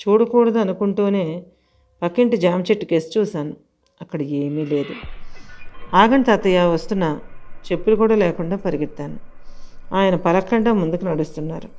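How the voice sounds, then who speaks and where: A woman narrating a scripted audio story in a measured, suspenseful first-person telling. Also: fairly low pitch, mellow, highs cut off.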